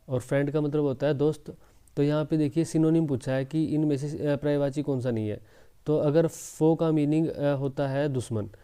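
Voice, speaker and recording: Male teacher, mid pitch, smooth and very mellow tone, deliberate explainer. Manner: slow deliberate reading of English sentences; explaining, addresses viewers as friends. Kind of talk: exam prep lesson.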